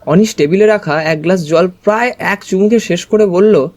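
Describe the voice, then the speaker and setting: A man with a voice that sits high narrates a mystery story in the first person at a moderate pace. He gives it a dramatized reading, voicing the narrating character as well.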